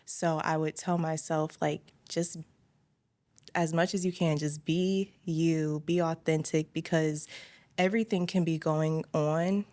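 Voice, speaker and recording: A young woman with a low voice speaks in a thoughtful, measured way. She offers advice in a candid group conversation, pausing to gather her thoughts. Her tone is steady and sincere. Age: young adult. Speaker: college student guest.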